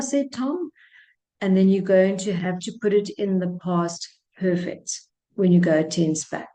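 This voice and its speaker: A woman's voice: on the low side, a little mellow. A woman teaching English grammar, patiently explaining each step and repeating key points.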